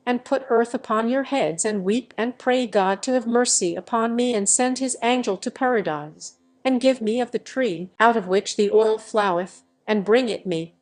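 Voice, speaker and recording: A woman's voice: fairly high pitch, moderate pace, hardly any pauses, faint music behind, lightly acted. A woman voicing an aged, dying first father who speaks solemnly in archaic words. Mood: pleading. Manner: solemn, pained, archaic speech.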